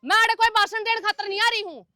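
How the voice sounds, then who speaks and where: A woman acting as an outspoken young woman demanding justice, speaking forcefully with a Haryanvi accent. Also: very high voice, quick pace, no echo, studio quality. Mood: indignant. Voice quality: forceful, indignant. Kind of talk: Haryanvi family drama acting.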